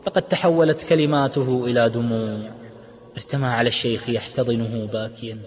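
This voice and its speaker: A man telling a dramatic story, measured and expressive, at a mid pitch. His voice rings with a long hall reverb.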